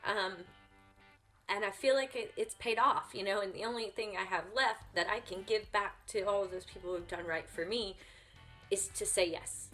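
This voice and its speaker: A woman's voice: medium pitch, fairly even intonation, moderate pace, fairly bright tone, faint music behind. Earnest woman blogger, tearful interview. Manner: earnest, repeats words, many fillers. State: tearful, crying. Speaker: guest blogger. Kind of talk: casual interview answers. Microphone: remote call.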